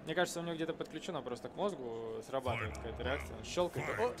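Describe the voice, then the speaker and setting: A man's voice: medium pitch, animated, very fast, heavy background noise. A man giving live commentary on a fighting game match as an esports commentator.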